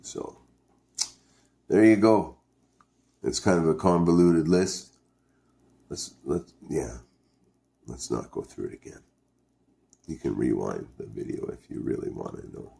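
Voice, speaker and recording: A man's voice: extremely low pitch, a little slow, gravelly, pauses often, warm tone. A man from Canada chatting casually to his viewers as a vlog host, hesitant and thinking aloud as he goes. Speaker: video host reviewing dipping tobacco. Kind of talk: casual, rambling vlog chat.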